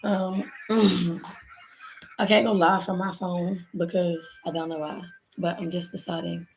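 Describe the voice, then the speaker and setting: Recorded at home on a laptop's built-in mic, the audio is poor with slight background noise. The speaker is a Baltimore vlogger who has lost her voice, talking a little slowly in a low-leaning, flat, hoarse tone. She rambles through a casual story time for her viewers, calling them y'all while she does her nails.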